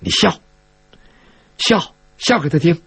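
A man storyteller voicing a stern young swordswoman who gives curt, threatening orders in a lowered voice. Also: animated, takes it slowly, vocal fry, fairly bright tone, slightly rough, dry recording, heavily acted.

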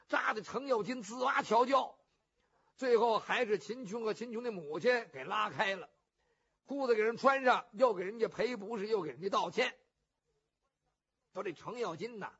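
Guy telling an old story, high bright voice, kinda husky, lively. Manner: lively, colloquial. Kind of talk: traditional oral storytelling. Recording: muffled lo-fi recording.

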